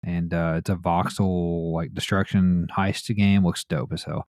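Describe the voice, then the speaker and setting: Man, gaming podcast host, relaxed casual delivery, deep voice, dead dry mic. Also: a little slow, no echo. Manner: laid-back, swears casually. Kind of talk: casual news podcast chat.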